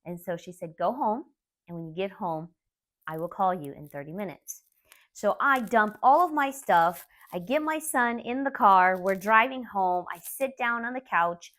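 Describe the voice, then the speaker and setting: A woman in her forties from Laos, a martial arts school owner, telling a personal story in an earnest, candid, soft-spoken way. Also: medium pitch.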